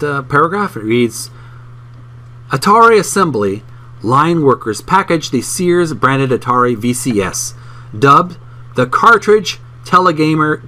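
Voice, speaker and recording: Reading aloud for his channel, the host talks to listeners in a courteous manner, sometimes stumbling before correcting himself. His voice is medium in pitch, bright and forceful. Background music accompanies him.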